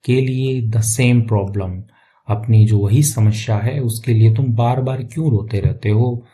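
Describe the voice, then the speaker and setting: A man's voice: lowish voice, mellow. A man working as an English teacher, reading a story line by line and explaining each phrase patiently, often checking in with the listener. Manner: patient, explanatory, keeps checking with "theek hai".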